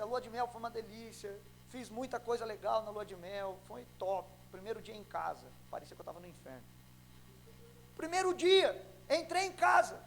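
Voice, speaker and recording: A young adult man from Brazil preaching a sermon as pastor, telling a story with acted-out dialogue and swinging between loud and soft. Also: very high-pitched, poor audio. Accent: Brazilian Portuguese.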